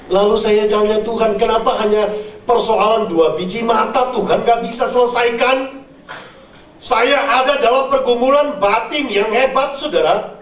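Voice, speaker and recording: A man's voice: high-pitched, normal speed. A man preaching a sermon who keeps calling his listeners "brothers and sisters". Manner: addresses listeners as "saudara". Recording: echoey room, mic from far off.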